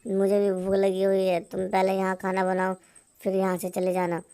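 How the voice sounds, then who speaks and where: एक महिला कार्टून कहानी में एक बूढ़े, डींग मारने वाले और धमकाने वाले जंगल के चोर की आवाज़ सपाट कथा-वाचन अंदाज़ में पढ़ रही है।. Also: female voice, mid-range voice, moderate pace, clean tone, natural voice. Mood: threatening. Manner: monotone storybook reading. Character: old male forest thief, boastful and threatening.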